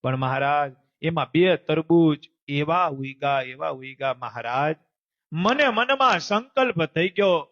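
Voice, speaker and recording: A man tells a devotional story from the pulpit, his voice pitched high for a man. He acts out the figures in the tale, lifting and dropping his voice as each one speaks. The recording is dull and lo-fi. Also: no echo. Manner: animated, voices the characters in the story with quick pitch jumps. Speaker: preacher telling a devotional story. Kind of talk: Gujarati devotional storytelling sermon.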